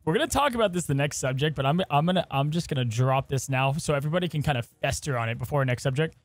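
A man with a fairly high voice co-hosts a gaming podcast, talking in a lively, joking way. The sound is dry and close, with faint music underneath. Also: very fast, dry recording. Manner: animated, jokey, hosting segments. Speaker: podcast co-host. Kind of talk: casual gaming podcast chat.

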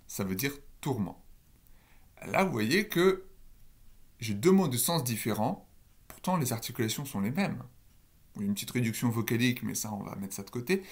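A man's voice: medium pitch, gravelly. A man giving a recorded university lecture on phonology, explaining step by step and asking the listeners questions.

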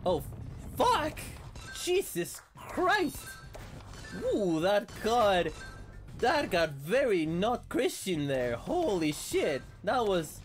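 A sick man streaming a video game, excitable and swearing as he plays. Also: sits high, takes it slowly, faint music behind. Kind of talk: casual gameplay commentary.

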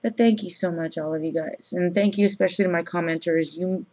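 A woman in her thirties who has just woken up, talking groggily and haltingly in a low-key, casual, confessional vlog. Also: fairly even intonation, darkish tone. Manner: halting, pausing often mid-thought. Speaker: vlogger. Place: small room indoors. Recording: dull lo-fi webcam sound.

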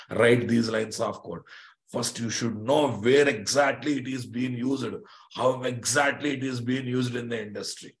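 Emphatic man with a Telugu Indian accent, teaching. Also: medium pitch. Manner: emphatic, repetitive, asks listeners rhetorical check questions. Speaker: software trainer. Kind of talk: live online technical lesson.

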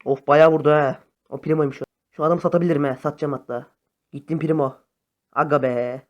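Quick, excitable young man gaming. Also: on the high side, highs cut off. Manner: chatty, excitable, talks to viewers as friends. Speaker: gaming YouTuber. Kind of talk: casual gameplay commentary. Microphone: phone camera facecam.

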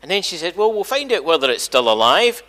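An older Scottish man, a church minister, storytells in a casual, lively all-age talk to his congregation. He speaks fast in a high, sing-song, sharp-toned voice. The recording, made indoors in a large sanctuary, carries a long, echoey reverb.

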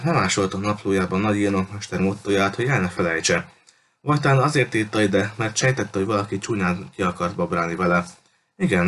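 Low-voiced man reading a storybook. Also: a bit bright, a little hiss or hum. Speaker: audiobook reader. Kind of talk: audiobook narration.

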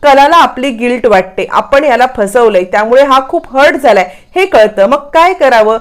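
A woman retelling a television serial episode as a steady storyteller. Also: on the high side, moderate pace. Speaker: serial recap narrator.

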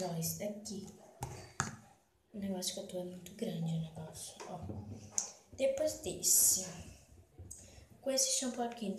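A woman from Brazil vlogging to her viewers from a small bathroom, rambling and often half-whispering. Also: medium pitch. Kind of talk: casual vlog talk to viewers. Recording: echoey bathroom with background noise. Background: background noise, kids shouting.

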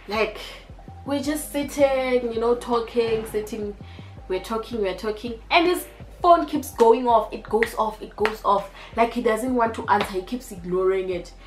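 A young South African woman with a South African accent, telling a storytime vlog in an animated, slangy way with lots of repetition. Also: on the high side. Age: young adult. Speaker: YouTuber. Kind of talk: storytime vlog, casual chat. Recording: echoey room with faint music.

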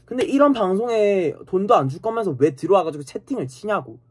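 Husky-voiced man ranting at his chat. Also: high voice, expressive, a little fast. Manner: angry, profane, insulting viewers; repeats a challenging "eh?". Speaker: live streamer.

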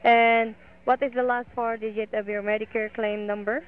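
A woman telemarketer heard over the phone, briskly running through scripted questions for a brace order. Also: fairly high pitch, little pitch movement. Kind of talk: scripted sales call. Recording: tinny phone line.

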